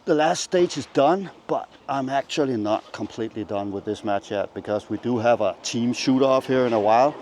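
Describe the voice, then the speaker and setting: A man's voice: medium pitch, normal speed, few pauses, a little mellow. A man narrating a casual vlog as a competitive shooter, chatting informally. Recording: clear background noise, outdoor ambience.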